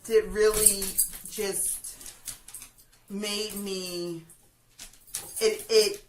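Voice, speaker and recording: A woman hosting a music review, chatting casually and giving opinions in an emphatic, halting way that repeats phrases. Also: mid-range voice, flat delivery. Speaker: host of a music review video. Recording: roomy, distant mic, faint noise.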